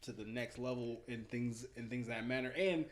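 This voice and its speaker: A male podcast host in a casual chat, speaking in halting, rambling phrases with many fillers. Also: mid-range voice.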